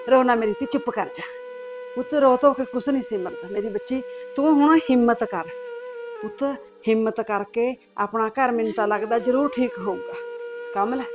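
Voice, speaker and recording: A woman's voice: a little high, lightly acted. A middle-aged woman playing a grieving mother-in-law who soothes her son's wife through tears. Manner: tearful, soothing, pleading. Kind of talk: short family drama.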